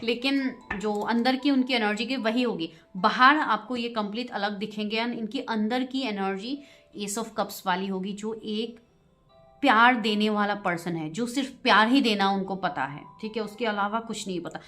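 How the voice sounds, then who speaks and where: A woman's voice: medium pitch, normal speed, a bit bright, faint music behind. A woman giving a tarot reading to her viewers, chatty, often laughing and mixing English phrases into her talk. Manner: giggly, keeps breaking into laughter. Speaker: tarot reader.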